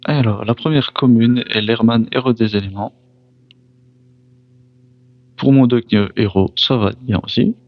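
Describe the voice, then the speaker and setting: A man's voice: mid-range voice, no echo, highs cut off. A man opening trading card packs, reading each card name aloud and reacting briefly. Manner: reads card names one by one, pausing to react; apologizes for mispronouncing foreign names. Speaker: card pack opener. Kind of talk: casual card opening commentary.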